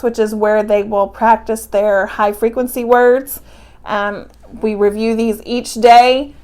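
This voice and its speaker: Texan lady explaining a phonics worksheet, bit high voice, lots of ums. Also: darkish tone, clean tone. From Texas, US. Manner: friendly and explanatory, with fillers. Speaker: teacher and curriculum presenter. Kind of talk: instructional walkthrough.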